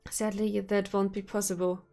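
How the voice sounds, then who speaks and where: A woman voicing a manipulative male professor while reading a visual novel aloud, coaxing and calmly threatening. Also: medium pitch, moderate pace, faint music behind, close to an everyday voice. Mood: menacing. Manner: smooth, coaxing, coldly threatening.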